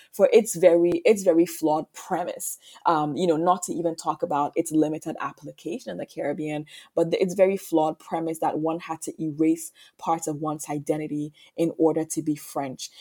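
A woman from Ghana, an author appearing as a podcast guest, works through her answers thoughtfully. Her voice is a little low, warm, mellow and slightly rough. She often restarts phrases and checks in with a quick "right?".

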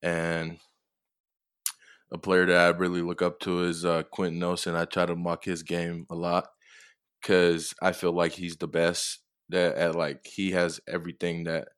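A young man from Tonga, a football player being interviewed, answering in a soft, hesitant way with many fillers. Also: deep voice, monotone, measured pace, clean tone, no echo, studio quality. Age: young adult.

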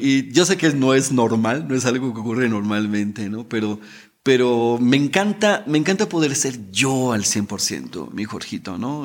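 A middle-aged man, a guest telling his story in an emotional way, repeating words and adding tag questions. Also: medium pitch. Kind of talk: storytelling interview talk.

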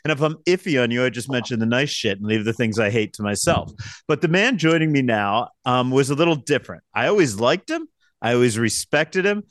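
A man's voice: medium pitch, animated, a little fast, a bit bright, dry recording. A man hosting a podcast in casual chat, blunt and profane, with frequent fillers. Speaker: podcast host.

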